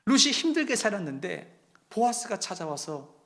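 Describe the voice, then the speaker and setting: A man pastor delivering a sermon. He tells stories and asks the congregation direct questions, moving between quiet, hushed phrases and strong, emphatic ones. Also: sits high, very animated, moderate pace.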